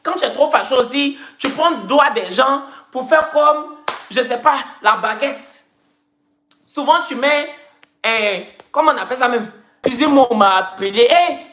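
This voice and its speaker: A woman's voice: sits high, normal speed, fairly bright tone, a little hiss or hum. Woman, casual live-stream host, playful and teasing, repeats her lines, roomy echo. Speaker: social media personality.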